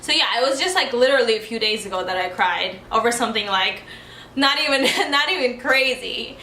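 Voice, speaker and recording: A young woman born in Ukraine and raised in the US answers tag questions to camera in a casual chat full of "likes" and "ums." Her fairly high voice is expressive, bright, and forceful, and she speaks fairly quickly in an echoey room, with a little hiss or hum in the recording.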